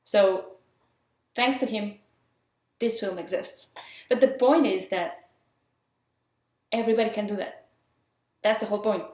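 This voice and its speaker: This woman, an independent filmmaker from Mexico, pauses often as she offers casual filmmaking advice, speaking a little slowly in a medium-pitched, darkish voice. Her Mexican accent has a French tinge, her manner is earnest, chatty and eager, and the recording echoes.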